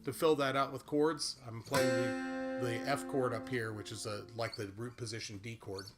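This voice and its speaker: A guitar and voice teacher with a big, medium-pitched voice gives a casual lesson on guitar and singing. His tone stays steady and his pace moderate as he explains easily, often saying "uh." A guitar plays loudly behind him.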